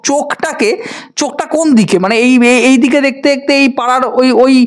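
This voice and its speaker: Man, rapid-fire delivery, sarcastic scolding vlog rant. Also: very high-pitched. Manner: sarcastic, scolding, addresses viewers directly. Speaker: film review YouTuber. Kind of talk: ranting direct-to-camera vlog.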